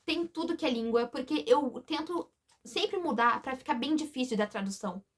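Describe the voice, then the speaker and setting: A woman's voice: sits high, moderate pace, husky. A woman speaking in a hesitant, emotional, confiding way in a confessional vlog, often breaking off and restarting. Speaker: vlogger.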